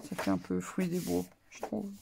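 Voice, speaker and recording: Low, gravelly-voiced woman vlogger. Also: very animated, normal speed, background noise. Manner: hesitant, musing, many fillers. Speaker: craft vlogger. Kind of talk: casual show-and-tell haul.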